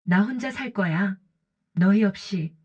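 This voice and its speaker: A woman's voice: medium pitch, animated, a little slow, a little mellow, husky. A woman voicing a cautious, lonely woman in her late fifties who talks in short, plain sentences, on a dull lo-fi recording. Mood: angry. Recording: dull lo-fi audio.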